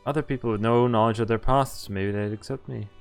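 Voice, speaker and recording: Streaming a visual novel, this man reads the on-screen text out loud, occasionally stumbling and rereading lines. His mid-range voice is smooth yet creaky, steady in tone and a little quick, with game music running underneath.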